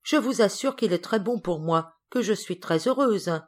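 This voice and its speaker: A woman's voice: mid-range voice, animated, moderate pace, darkish tone, natural voice. A woman voicing an eager, timid little girl who speaks in a pleading way in a storybook reading.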